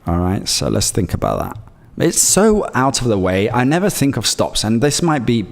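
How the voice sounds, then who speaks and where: A Greek man, Greek being his first language, rambles through his trades on a live stream, reading chat messages aloud with plenty of fillers and restarts. His mid-range voice is sing-song with vocal fry, moves at a moderate pace, and rings out in a large hall.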